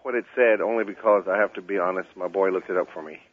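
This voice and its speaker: A man's voice: sits low, fairly even intonation, fast talker. A man calling in to a radio show over his cell phone, telling a rambling story full of "uh" and "you know" fillers. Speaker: radio caller. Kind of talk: casual call-in chat. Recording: tinny phone line.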